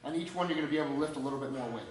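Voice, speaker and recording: A man's voice: fairly high pitch, very fast, roomy sound, rough recording. A man coaching a lift in a gym, walking through the steps with short cues. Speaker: strength coach. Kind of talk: instructional demonstration.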